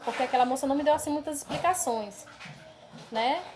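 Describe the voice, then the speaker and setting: A woman's voice: sits high, fairly quick, noisy background. A woman preacher earnestly recounting a dream vision as a testimony to her congregation, often calling them brothers. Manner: earnest and emotional, addresses listeners as brothers; tags many phrases with a questioning aside.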